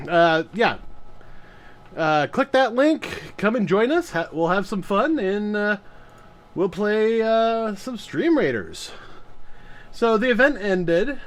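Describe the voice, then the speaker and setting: A man talks casually to his live-stream audience in a fairly high voice. His delivery is animated and swoops around in pitch, rambling with plenty of laughs as he chats between games. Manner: chatty and rambling, laughs often. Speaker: streamer host.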